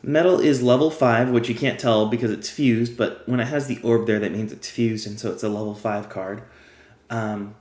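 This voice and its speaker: A man's voice: medium pitch, steady tone, moderate pace, darkish tone, echoey room. A man who is losing his voice, chatting casually as he plays and explains a card game step by step. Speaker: game guide creator. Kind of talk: casual gameplay tutorial.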